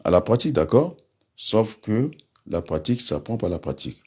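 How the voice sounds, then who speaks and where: A man's voice: lowish voice, sing-song, normal speed, mellow, slightly rough. A man giving a combative political rant, addressing listeners and rivals directly with frequent asides. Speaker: political commentator.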